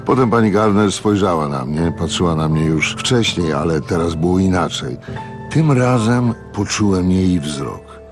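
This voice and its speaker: Deep-voiced man reading a radio audiobook. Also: animated, measured pace, over music. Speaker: narrator.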